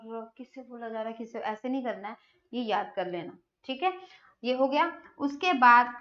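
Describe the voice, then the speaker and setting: A woman's voice: a little high, a bit bright, dull audio. A woman teaching a live online Hindi grammar class, who asks questions and answers them herself.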